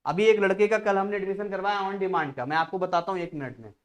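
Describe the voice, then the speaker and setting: A man's voice: high voice, fairly even intonation, fairly quick. Guy teaching physics live, talks a lot, repeats stuff to drill it in. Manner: chatty, digresses, repeats phrases to drill a point. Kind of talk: live online class lecture.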